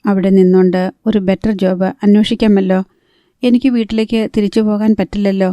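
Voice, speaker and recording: A woman's voice: mid-range voice, fairly even intonation, a little fast, warm tone, dry recording, lightly acted. A woman reading the part of an anxious, practical young woman who pleads earnestly and keeps her voice down. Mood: pleading.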